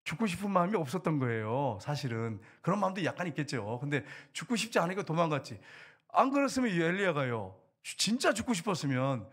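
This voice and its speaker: Husky-voiced man preaching a sermon. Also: on the high side, fast talker. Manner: animated preaching, swings between loud outbursts and hushed asides. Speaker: pastor.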